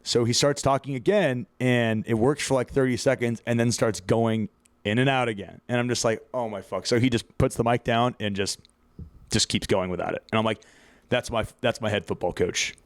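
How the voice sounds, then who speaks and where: A man's voice: medium pitch, fairly even intonation, normal speed, no echo. A young man hosting a casual sports podcast, rambling through stories, swearing casually and laughing mid-sentence. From USA. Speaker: podcast host.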